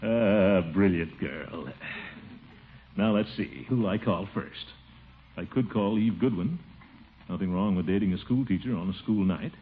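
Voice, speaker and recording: An actor playing a pompous, blustering middle-aged bachelor uncle in theatrical 1940s radio comedy style. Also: male voice, low-pitched, measured pace. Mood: musing. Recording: tinny, very noisy old radio recording.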